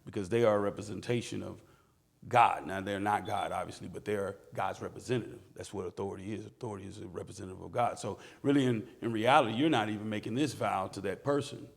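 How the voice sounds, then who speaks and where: A man's voice: on the low side, steady tone, fast talker, vocal fry. A man who is a pastor and co-host, talking casually and playfully, often jumping in with questions. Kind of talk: casual conversational discussion.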